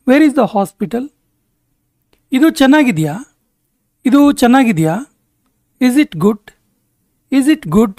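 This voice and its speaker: A woman is teaching, and she says every sentence twice. Her English comes out slow and measured, each word set down with care. The voice is dry and close, with no room sound around it. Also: fairly high pitch, mellow, no room sound. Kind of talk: language lesson, reading sentences aloud.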